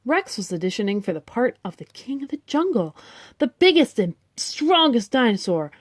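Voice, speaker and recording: Parent-reader, woman, storybook read-aloud, lively pitch, dry close sound. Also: normal speed, no echo. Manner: animated, expressive, asides to listeners. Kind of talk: storybook reading.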